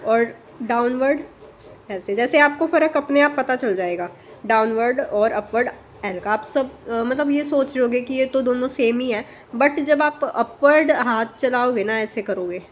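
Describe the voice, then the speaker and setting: A woman teaching shorthand in a casual spoken lesson, explaining slowly with many fillers and checking in often, her voice dropping softer as she writes. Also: fairly high pitch, slight background noise.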